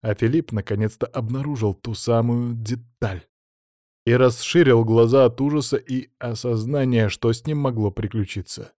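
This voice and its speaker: A man's voice: mid-range voice, normal speed, warm tone, dry recording, studio quality. A man narrating a first-person audiobook, with wry, sardonic asides.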